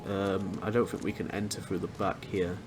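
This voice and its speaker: A man's voice: low-pitched, little pitch movement, moderate pace, noisy background. A man giving informal let's play commentary, thinking aloud and swearing casually. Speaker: gamer, let's play host.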